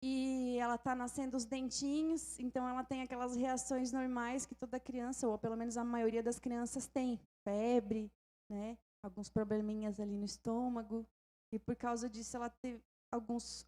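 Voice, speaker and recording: A woman pastor with a Brazilian Portuguese accent preaching a fervent sermon, moving from calm storytelling to loud exhortation and often calling out to the congregation. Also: a little high.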